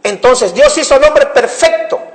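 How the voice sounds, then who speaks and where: A man's voice: extremely high pitch, expressive, normal speed. A man preaching a sermon to his congregation, repeating his points for emphasis and calling them brothers. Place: church.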